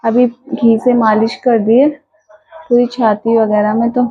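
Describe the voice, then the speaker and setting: A woman's voice: fairly high pitch, flat delivery, measured pace, slightly rough, phone-quality sound. Weary mother vlogging at home. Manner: weary, soothing a sick child. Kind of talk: casual home vlog. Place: home kitchen.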